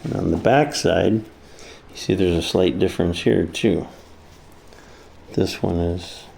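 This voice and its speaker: Muttering to himself while he works, a man casually shows a hands-on repair in a deep, mellow voice with vocal fry. Faint background noise can be heard.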